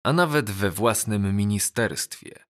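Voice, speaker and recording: A man reading a novel aloud as an audiobook, in measured, deliberate first-person narration. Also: fairly low pitch.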